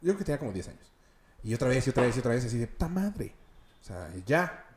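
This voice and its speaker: A man's voice: mid-range voice, sing-song, racing, noisy background. A young Mexican man telling a story among friends in casual chat, laughing at his own mishaps. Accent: Mexican Spanish.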